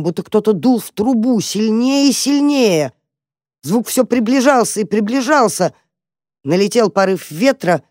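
Narrator: woman reading a children's story, calm and expressive, dry close recording. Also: mid-range voice, no echo. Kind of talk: audiobook narration of a children's tale.

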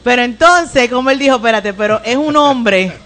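A woman speaking as a guest on a church talk program. She talks in a casual, halting way and stumbles over fillers as she gathers her thoughts. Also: fairly high pitch, a bit bright. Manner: hesitant, many fillers, laughs while praising.

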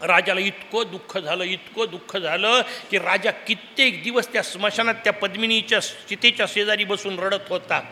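Male preacher, high bright voice, storytelling sermon, long hall echo. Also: steady tone, moderate pace, few pauses, a little hiss or hum. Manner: narrates vividly, explains scripture. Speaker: religious discourse speaker. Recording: reverberant hall.

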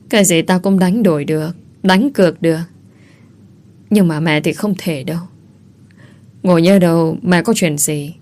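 A woman's voice: lowish voice, a little mellow. A woman reading a first-person story aloud, earnest and heartfelt. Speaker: audiobook narrator.

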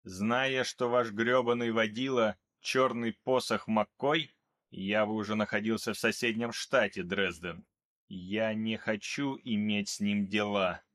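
A man reading an audiobook, voicing a cold, calm male mercenary who speaks in a flat, unhurried way. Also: on the low side. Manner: flat, even, unhurried delivery.

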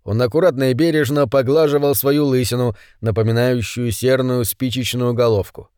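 A man narrating an audiobook in an even storytelling manner. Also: medium pitch, normal speed, clear, resonant tone, dry recording, studio quality. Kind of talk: scripted narration.

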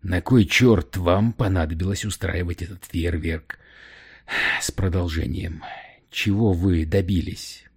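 A male audiobook reader voicing an angry, commanding leader who speaks forcefully and accusingly. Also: low-pitched, steady tone, a little slow, creaky, slightly rough, exaggerated voice. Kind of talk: audiobook character voice.

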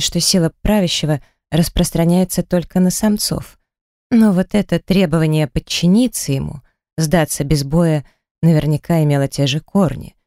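A woman narrating a first-person audiobook in a lively, expressive reading. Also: deep voice, no echo, clean studio sound. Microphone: close studio mic.

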